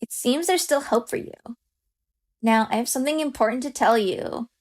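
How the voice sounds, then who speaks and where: Woman doing a bossy young female boss, curt, scolding, superior, somewhat high voice. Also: normal speed, a little mellow, close to an everyday voice. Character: bossy condescending young woman, company owner.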